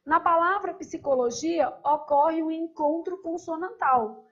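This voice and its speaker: In this recorded exam review lesson, a woman teacher with a very high, slightly bright voice moves at a measured pace through the questions one step at a time, frequently adding short tag questions to check in. The audio is muffled.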